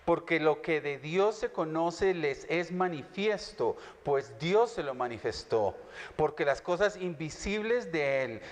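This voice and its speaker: A man working as interpreter, reading scripture aloud and echoing a teacher phrase by phrase. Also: fairly high pitch. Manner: reads aloud, then echoes the teacher phrase by phrase. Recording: reverberant hall.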